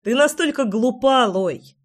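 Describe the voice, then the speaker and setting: A woman voicing a calm, knowing brother who speaks in a measured way. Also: high-pitched, voice pushed up.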